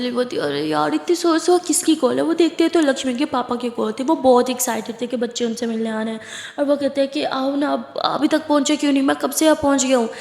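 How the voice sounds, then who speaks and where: A woman's voice: on the high side, warm tone. Chatty woman telling a story, echoey room. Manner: chatty, conversational, with fillers. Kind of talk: casual spoken storytelling. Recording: roomy echo with long reverb.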